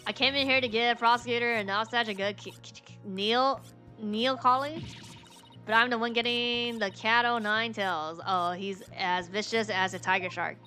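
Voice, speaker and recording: A bright, playful young woman pirate performer from a video game, voiced by a woman reading along. She is theatrical and excitable, with a showy delivery. Music plays faintly behind. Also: a little high, normal speed. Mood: plaintive. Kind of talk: reading game dialogue in character.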